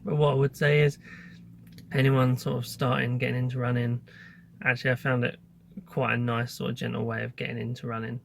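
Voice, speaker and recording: A man's voice: medium pitch, flat delivery, brisk, creaky, a little hiss or hum. A man talking casually as a vlogger, giving an informal update in a hesitant, thinking-aloud way.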